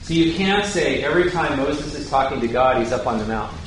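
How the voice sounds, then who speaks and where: Fairly quick and lively in intonation, a medium-pitched male voice leads a conversational Bible study, quizzing listeners and paraphrasing scripture informally. A little hiss or hum sits under the recording, made in a very echoey room with faint ambience.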